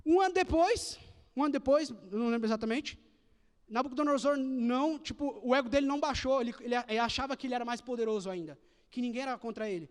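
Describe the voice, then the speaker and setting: A man's voice: very high voice, fast talker, smooth, big-room sound. A young man preaching a casual youth sermon, slangy and acting out little dialogues with God.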